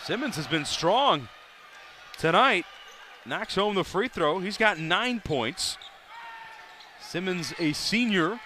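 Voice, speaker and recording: A man doing live play-by-play for a college basketball game, brisk and rising sharply on big plays. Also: sits high, lively intonation, pushed and bright, a little hiss or hum. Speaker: play-by-play announcer. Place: arena broadcast booth.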